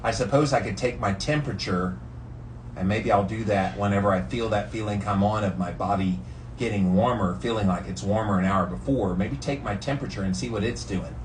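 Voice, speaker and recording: Sitting in ice-cold water for a daily challenge, an American vlogger rambles casually and enthusiastically in slangy, emphatic talk. His voice is on the low side and brisk, picked up by a distant mic with faint background noise.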